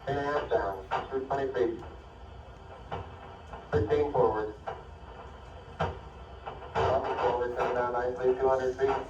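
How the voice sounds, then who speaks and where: A man's voice: mid-range voice, flat delivery, measured pace, long pauses, recorded from a distance. Muffled space-radio man calling out readings. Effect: space radio transmission. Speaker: spaceflight crew and mission radio operator. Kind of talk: clipped technical radio callouts. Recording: archival space radio, muffled, echoey, noisy.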